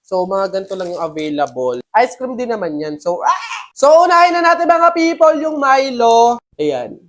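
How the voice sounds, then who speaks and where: A young woman with a Filipino accent, hosting a casual vlog in a loud, bubbly, exclamatory way. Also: fairly high pitch, very animated, moderate pace. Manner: loud, bubbly, exclamatory, mixing English into Tagalog. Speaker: vlogger. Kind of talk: casual vlog, trying a drink recipe.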